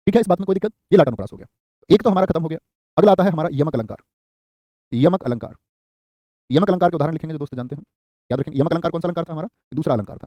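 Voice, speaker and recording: A man's voice: a little high, warm tone, no echo. A male teacher giving a live online exam-prep class, repeating key phrases for dictation and answering students by name. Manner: quick, repetitive dictation, calls students by name.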